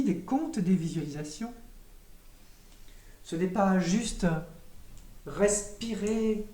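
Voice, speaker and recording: A woman giving a spiritual teaching in a calm, measured, meditative way, with occasional hesitations. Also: mid-range voice. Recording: roomy echo, voice from a distance.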